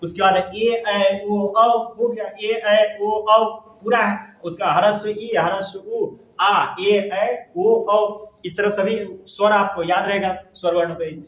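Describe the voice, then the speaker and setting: A man's voice: sits high, steady tone, slow pace, few pauses, a bit bright. A man from Bihar, India, teaching a classroom grammar lesson, often asking a question and then answering it himself. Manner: repetitive, asks questions and answers them himself. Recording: echoey room.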